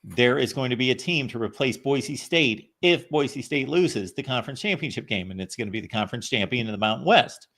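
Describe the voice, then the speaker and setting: A man's voice: mid-range voice, expressive, brisk, few pauses, a bit bright, slight background noise. Matter-of-fact male sports call-in host. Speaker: host of a college football call-in show. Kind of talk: conversational sports analysis.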